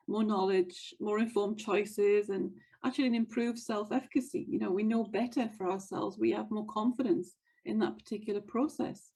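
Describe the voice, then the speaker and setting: A woman's voice: mid-range voice, warm tone, slightly rough, low-quality recording. A woman hosting a motivational wealth podcast, speaking in an earnest, encouraging way and repeating her key phrases. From United States. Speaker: podcast host and wealth coach. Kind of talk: motivational monologue.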